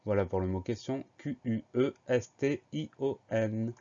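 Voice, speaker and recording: A man's voice: lowish voice, measured pace, mellow. A man giving a spelling dictation lesson, patiently spelling out each word letter by letter. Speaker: spelling teacher. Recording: dull lo-fi recording.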